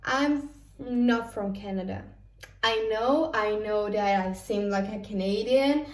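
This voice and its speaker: A woman's voice: medium pitch, slow. A young woman from Spain with a Spanish accent, chatting casually in a cooking vlog and repeating herself for emphasis. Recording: echoey room, a bit far from the mic.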